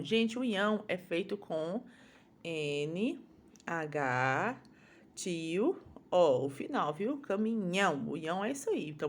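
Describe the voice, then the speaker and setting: A woman with a Brazilian Portuguese accent teaches young children a phonics lesson, speaking at a medium pitch. She patiently sounds out the syllables one at a time.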